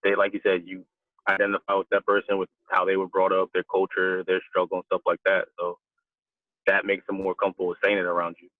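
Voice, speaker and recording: A man's voice: low-pitched, monotone, fast, no echo. A man co-hosting a podcast in casual chat, rambling loosely and filling his talk with "like". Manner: rambling, packed with "like". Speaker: podcast co-host. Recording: dry, phone-like audio.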